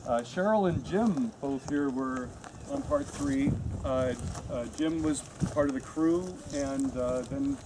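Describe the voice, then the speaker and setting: A man's voice: mid-range voice, slow pace, noisy background. A man moderating a convention panel, enthusiastically introducing the guests and their careers.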